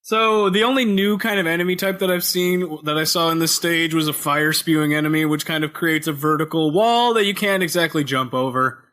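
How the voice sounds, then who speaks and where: Bright-voiced punny podcast guy. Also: a little high, a little fast, few pauses. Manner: punny, jokey, slips into mock voices. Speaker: podcast co-host. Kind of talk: casual gaming chat. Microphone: headset.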